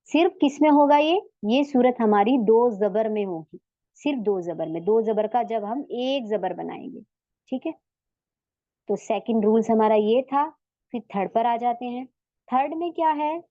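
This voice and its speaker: A woman teaching a tajweed lesson online, patiently explaining step by step, asking her students questions and drawing out Arabic words slowly to show them. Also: fairly high pitch, dark tone, dry recording, muffled recording. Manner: says Arabic letters and words slowly and drawn out for demonstration. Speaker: Quran recitation teacher.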